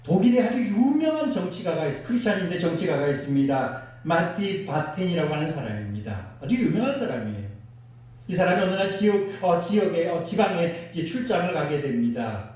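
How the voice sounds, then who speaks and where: A man preaching a sermon as pastor, animated and leading the congregation in responses. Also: fairly high pitch, a little fast, far from the mic. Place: church sanctuary. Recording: echoey church hall, mic from afar.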